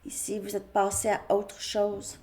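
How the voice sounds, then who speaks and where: A woman's voice: mid-range voice, monotone, unhurried, noisy background. A woman giving a casual tarot reading to camera, chatty and repeating herself as she thinks aloud while drawing cards. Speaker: tarot reader.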